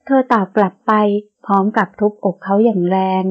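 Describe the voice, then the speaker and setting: A woman narrating a romance novel audiobook in a smooth, steady storytelling manner. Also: mid-range voice, moderate pace. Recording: dull lo-fi audio.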